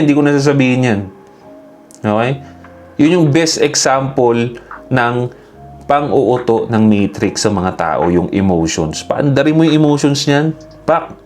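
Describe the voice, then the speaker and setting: Filipino guy vlogging, chatty, keeps saying pare, faint music behind. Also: fairly low pitch. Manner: animated, addresses viewers as "pare" and "bro". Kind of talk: casual Taglish commentary.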